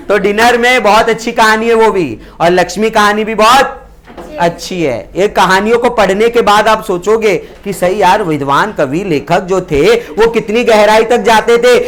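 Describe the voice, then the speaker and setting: A male tuition teacher giving an animated, joking, preachy classroom lecture to students. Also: high-pitched.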